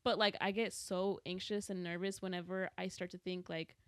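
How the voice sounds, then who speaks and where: A woman's voice: lowish voice, level tone, moderate pace, a bit bright, smooth, dry recording. Candid young woman on a dry mic. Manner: candid, self-deprecating, rambling with many "like"s. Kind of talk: casual podcast chat.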